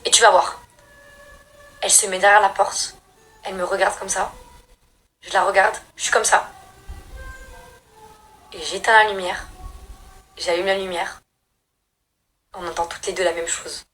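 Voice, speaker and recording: A young woman from France, a regular storyteller, tells a scary childhood story in casual slangy chat, bursting into loud high voices. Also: fairly even intonation, a little slow, pauses often, faint music behind. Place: at home doing makeup.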